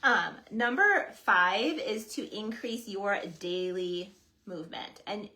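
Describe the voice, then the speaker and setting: A woman's voice: medium pitch, expressive, slow pace, bright, forceful tone, poor audio. A woman fitness coach co-hosting a casual coaching webinar, explaining tips step by step in a friendly way. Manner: explains step by step, friendly, tags points with "right?".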